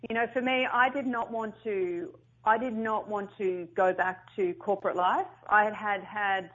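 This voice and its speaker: A woman's voice: medium pitch, steady tone, normal speed, a bit bright. A middle-aged woman, a business founder telling her story in an interview. She talks animatedly, often restarts and repeats herself, and acts out the quotes. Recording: slightly dull lo-fi sound.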